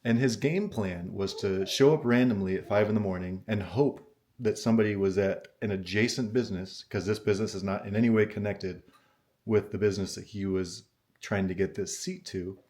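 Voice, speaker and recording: A man with a somewhat low voice talks casually as a vlogger sharing a personal story. His manner is conversational and puzzled, as if putting the situation to the listener for an opinion. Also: fairly quick, a little mellow. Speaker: vlogger telling an anecdote.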